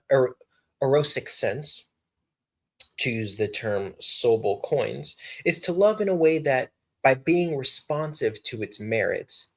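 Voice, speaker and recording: A young man reads a dense philosophy passage aloud on a casual live stream. His voice is husky and mid-pitched. He stumbles, backs up to redo phrases, and breaks off now and then for offhand slangy remarks. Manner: stumbling read-aloud with restarts and slangy asides.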